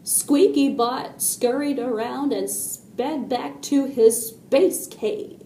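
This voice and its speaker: A woman reading a children's story aloud, slowly and deliberately, and adding her own spoken sound effects. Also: high voice, dark tone, distant mic. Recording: echoey room with faint noise.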